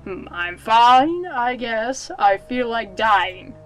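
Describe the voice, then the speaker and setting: A woman's voice: fairly high pitch, expressive, slow pace, a bit bright, soft background music. A woman voicing a sulky, defiant little girl.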